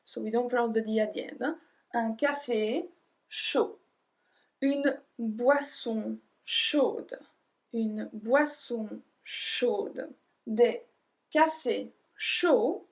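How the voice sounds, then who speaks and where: A woman with a French accent teaching a beginner grammar lesson, spelling out letters and repeating each example slowly and carefully. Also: fairly high pitch.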